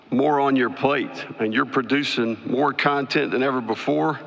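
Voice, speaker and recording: A man giving a press conference opening statement as a head football coach, speaking in a measured, emphatic way. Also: mid-range voice, a bit bright. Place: large media hall. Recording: long hall reverb.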